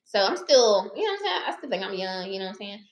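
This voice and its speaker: A woman's voice: medium pitch, very animated, quick pace. A woman in her thirties, a therapist running a personal finance channel, chatting casually and directly to her viewers, calling them y'all and baby. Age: 30s. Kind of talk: casual chat to camera. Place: her living room or car. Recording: roomy echo.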